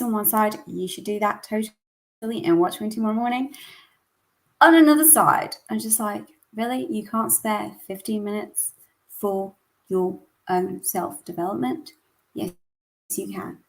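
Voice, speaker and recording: A woman in her early thirties hosting her weekly vlog, talking casually and emphatically, drifting into a rant. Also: mid-range voice. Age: 30s. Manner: chatty, rambling, ranting, emphatic. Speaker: coach and weekly vlog host. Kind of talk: casual talk to camera.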